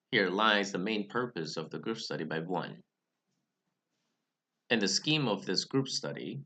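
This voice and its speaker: With a forceful, bright tone and a lowish voice, a young Bible study host who isn't a native English speaker explains reading Greek scripture to camera. The talk is scripted and delivered carefully and measuredly, with occasional restarts.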